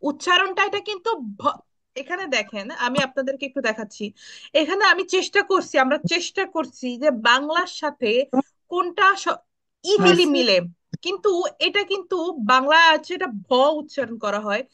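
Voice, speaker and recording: A woman's voice: high-pitched, expressive, normal speed, bright, forceful tone. A woman teaching Italian pronunciation on a video call, patiently repeating sounds for students to echo. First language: Bengali. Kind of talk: online class, pronunciation drills.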